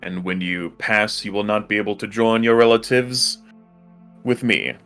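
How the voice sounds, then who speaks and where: A man voicing a solemn, fatherly god in a tabletop game, speaking gravely and formally. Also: fairly low pitch, moderate pace, a bit bright, faint music behind. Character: solemn otherworldly god, fatherly, to a cursed elf.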